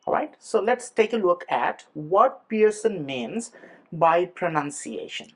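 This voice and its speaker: Slow-talking male tutor. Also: high-pitched, very animated, vocal fry, fairly bright tone. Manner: explains step by step, spells out words letter by letter. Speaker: exam prep tutor. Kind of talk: teaching lesson mixing Bengali and English.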